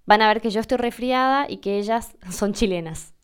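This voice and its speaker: A woman's voice: normal speed, background noise. A young woman in her late twenties with an Argentine accent, chatting casually about words to her viewers and acting out bits of dialogue. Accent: Argentine Spanish. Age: late 20s. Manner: chatty, acts out dialogue with pitch jumps. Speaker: vlogger. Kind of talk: casual explanatory monologue.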